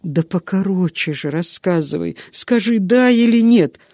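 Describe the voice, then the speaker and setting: A man's voice: fairly high pitch, measured pace, warm tone, slightly rough, no echo, studio quality. A man voicing an anxious young noblewoman who pleads for news in a faltering way.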